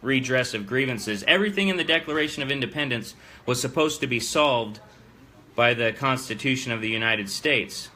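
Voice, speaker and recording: A man's voice: medium pitch, expressive, moderate pace, sharp tone, a little hiss or hum. A man hosting a live show, giving emphatic, plain-spoken political commentary to his audience.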